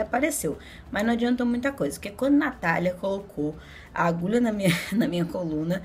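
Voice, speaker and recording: A woman's voice: fairly low pitch, darkish tone, a little hiss or hum. A young woman with a Brazilian Portuguese accent telling a personal story casually to her viewers, chatty and laughing as she acts out what people said. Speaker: vlogger.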